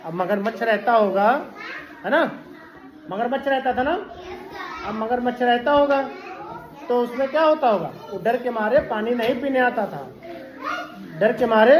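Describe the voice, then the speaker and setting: A woman primary school teacher telling a story as a lesson, repeating lines and quizzing her listeners. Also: on the high side.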